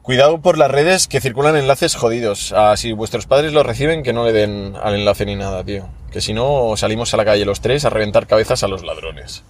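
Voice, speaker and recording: A man's voice: fairly low pitch, a little fast, few pauses, a little hiss or hum. A young man with a Spanish accent, a podcast host telling stories in casual chat with lots of slang. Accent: Spain Spanish. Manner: animated storytelling with slang.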